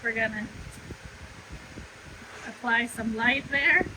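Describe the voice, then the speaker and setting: Woman, high voice, casual handheld phone video of a DIY job, clear background noise. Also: slow pace. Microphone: handheld phone camera.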